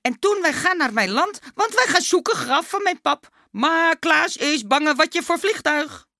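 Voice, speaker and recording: A woman's voice: high-pitched, measured pace, no room sound, clean studio sound, voice pushed up, exaggerated voice. A woman voicing an eager little mummy boy who speaks in broken grammar. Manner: broken grammar, excited chatter.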